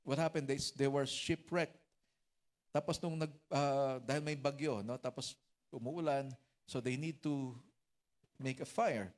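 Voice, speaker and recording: A man's voice: medium pitch, a little slow, pauses often. A man with a Filipino accent preaching a sermon as pastor, mixing teaching with humorous stories and joking asides.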